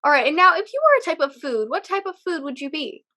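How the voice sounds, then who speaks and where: A woman hosting a casual interview over a video call, chatty and quick to laugh and exclaim. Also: high-pitched, very animated, bright, forceful tone. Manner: giggly, chatty, exclaims easily. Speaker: host.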